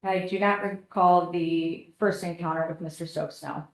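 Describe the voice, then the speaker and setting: A woman testifying in court as a paramedic, polite and measured, heard as a courtroom recording. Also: fairly low pitch, steady tone. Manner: polite, measured, answering with "yes, sir". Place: courtroom witness stand. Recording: echoey courtroom audio.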